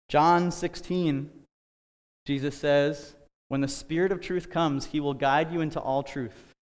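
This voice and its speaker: The recording has a big-room sound as a podcast host with a voice on the high side preaches breathlessly. His sermon-like talk is earnest yet chatty, with casual asides and filler words.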